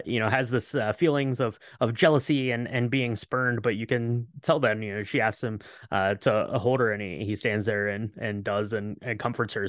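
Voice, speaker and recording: A man's voice: mid-range voice, no room sound. Dry-sounding casual male podcaster. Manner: relaxed, goofy paraphrasing of scenes. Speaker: podcast co-host. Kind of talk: casual chat.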